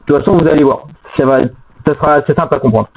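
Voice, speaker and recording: A man's voice: a little high, fast talker, vocal fry. A man in casual gaming chat, explaining rules in a rambling, self-correcting way, his voice half robotic and lagging through a bad microphone. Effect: half-robotic, glitchy lagging voice from a bad mic. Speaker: co-player explaining game rules. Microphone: cheap headset or desk mic. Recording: tinny, lo-fi cheap microphone.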